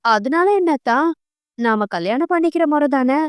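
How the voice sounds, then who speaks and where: A woman's voice: high-pitched, animated, normal speed, no echo. A woman voicing a pleading, lovestruck eighteen-year-old girl. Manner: pleading, innocent.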